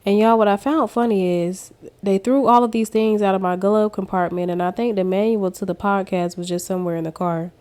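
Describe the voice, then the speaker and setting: A woman's voice: mid-range voice, fairly even intonation, brisk, warm tone, smooth. A woman vlogger giving a casual personal testimony, talking straight to her viewers as she tells her story. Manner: chatty storyteller who addresses viewers directly. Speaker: faith vlogger.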